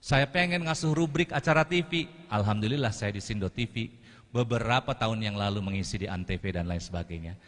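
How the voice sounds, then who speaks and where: A man gives a lively motivational talk. He coaches the audience through breathing exercises and adds frequent Islamic interjections. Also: on the low side, a little fast. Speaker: motivational speaker. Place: TV studio with a live audience. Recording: live TV studio broadcast with reverb.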